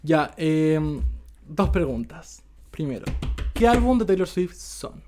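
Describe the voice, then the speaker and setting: A woman's voice: sits low, expressive, slow, loud music behind the voice. A young woman with a Chilean accent hosting a casual podcast chat, slangy, mixing English words into her Spanish. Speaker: podcast host.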